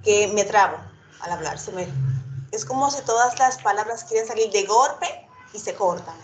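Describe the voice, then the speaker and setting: A woman's voice: mid-range voice, normal speed, background noise. A woman taking part in an online workshop, asking questions hesitantly and restarting her sentences. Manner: hesitant, restarts, self-conscious. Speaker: workshop participant. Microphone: video call.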